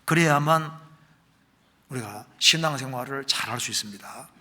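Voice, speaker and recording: A middle-aged man preaching a sermon as pastor, reading scripture aloud slowly and with rising emphasis. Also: mid-range voice, bright, forceful tone.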